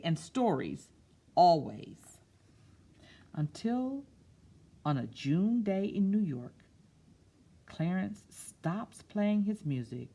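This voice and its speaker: With a medium-pitched, darkish voice, a woman storyteller reads a picture book to children. She stretches phrases out expressively and breaks off now and then into simple, casual explanations.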